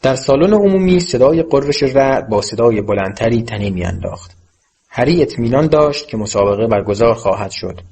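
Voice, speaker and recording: A man narrating an audiobook with a steady, measured reading. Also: medium pitch, slightly rough.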